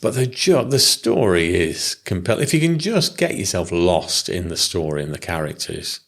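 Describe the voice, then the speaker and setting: A man's voice: deep voice, sing-song, moderate pace, a bit bright. A man co-hosting a podcast in casual chat, wry and playful, often breaking into mocking voices. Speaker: podcast co-host.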